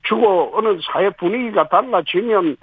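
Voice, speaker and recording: A man, a city government official, answering radio interview questions and explaining policy point by point with pauses. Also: high-pitched, slightly rough, dry recording. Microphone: phone. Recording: tinny phone line.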